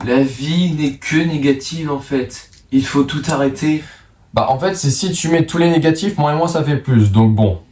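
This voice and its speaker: Talking straight to the camera in his bedroom, a French guy of about nineteen keeps up a jokey, slang-filled, self-deprecating vlog monologue. His voice is slightly high and a little mellow at a normal pace, he lisps on s and z, and it sounds reverberant.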